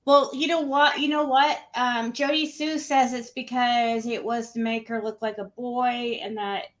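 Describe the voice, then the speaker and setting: A woman's voice: on the high side, steady tone, a little slow, fairly bright tone. A woman hosting a casual livestream panel, asking questions in an informal, rambling way. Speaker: panel host. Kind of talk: casual true crime livestream chat.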